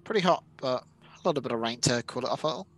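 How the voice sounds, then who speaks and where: A man's voice: medium pitch, animated, rapid-fire, a bit bright, slight background noise. A man playing a tabletop game, chatting casually and hesitantly, often interrupting himself.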